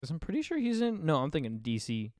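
A man co-hosting a casual movie commentary, animated and quick to laugh. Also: fairly high pitch, dry recording, studio quality.

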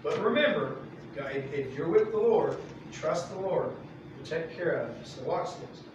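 A man teaching a Bible study as pastor, folksy and animated, reading verses and acting out the characters' voices. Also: fairly high pitch, a little slow, dull audio, background noise. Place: church sanctuary. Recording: echoey room mic from far off.

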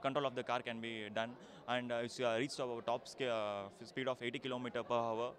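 A young man, a student interviewed outdoors on a handheld mic, speaking haltingly with many fillers. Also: mid-range voice, level tone, fairly bright tone. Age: young adult. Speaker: engineering student. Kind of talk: on-camera news interview. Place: outdoors on a college campus. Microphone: handheld news mic.

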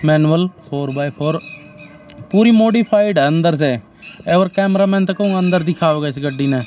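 Fairly high-voiced car-dealer man. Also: moderate pace, a little mellow, a little hiss or hum. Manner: matter-of-fact, lists features and rates. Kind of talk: sales pitch. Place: outdoor used-car lot.

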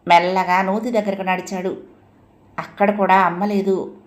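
A woman reading a story aloud in a gentle, unhurried storytelling manner. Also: medium pitch, level tone. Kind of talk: audiobook story narration.

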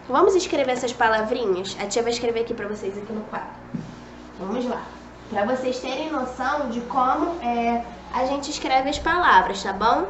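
A woman's voice: on the high side, slight background noise. A young woman teaching preschoolers in a recorded video lesson, patient and coaxing, often checking in with the children. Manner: patient, coaxing, talks to kids as "a tia", many "ó" and "tá bom?". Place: classroom with a whiteboard. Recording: dull echoey room recording.

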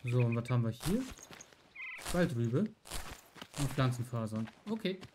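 A man's voice: medium pitch, animated, measured pace, noisy background. A man doing casual live game commentary, thinking aloud in short remarks. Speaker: let's play streamer.

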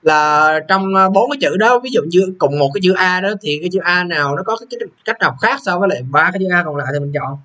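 A man's voice: high voice, lively intonation, quick pace, few pauses, sharp tone. A young man, walking students through an English exam, repeating question numbers and checking they follow. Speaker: English teacher. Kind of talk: exam walkthrough lesson.

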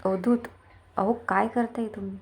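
A woman's voice: mid-range voice, steady tone, moderate pace, darkish tone, natural voice. A woman voicing a young wife who cries out and pleads with her husband in a storybook reading. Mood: pleading. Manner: pleading, crying out.

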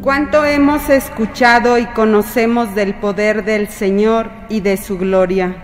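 A woman reciting the verses of a responsorial psalm at Mass in a slow, measured way. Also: medium pitch, steady tone, over music. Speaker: psalm reader. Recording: reverberant cathedral broadcast.

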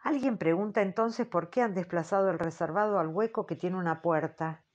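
A woman reads a first-person audiobook in a measured, earnest way. Her voice sits on the low side. The sound is a little dull and muffled. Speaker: audiobook narrator. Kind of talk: scripted first-person narration.

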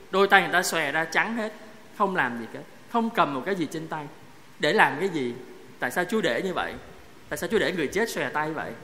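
High-voiced priest preaching in a church. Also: male voice, fairly bright tone. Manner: conversational, asks the congregation questions. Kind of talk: sermon. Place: parish church. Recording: echoey church hall, faint noise.

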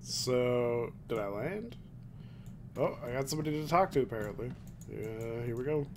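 A man's voice: medium pitch, expressive, moderate pace, darkish tone, slight background noise. A young man giving casual, joking, irreverent let's play commentary as a game streamer. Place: small room at home.

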